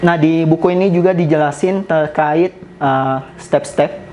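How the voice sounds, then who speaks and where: A man presenting slides at a company sharing session in a casual, relaxed way, often pausing on "eh" and mixing in English business terms. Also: fairly high pitch, slight background noise, poor audio.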